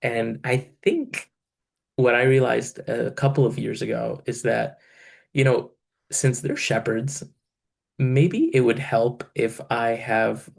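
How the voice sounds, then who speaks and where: An Egyptian man in his thirties, who works as a church financial controller and part-time pastor, answers interview questions in a relaxed way, full of fillers and laughing between phrases. His voice is mid-range, slow and gravelly.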